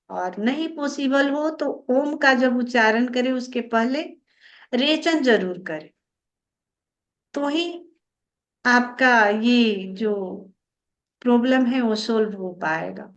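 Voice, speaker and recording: A woman spiritual teacher giving calm, unhurried advice on meditation, explaining step by step with pauses. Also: a little high, muffled recording. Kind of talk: slow spiritual guidance talk.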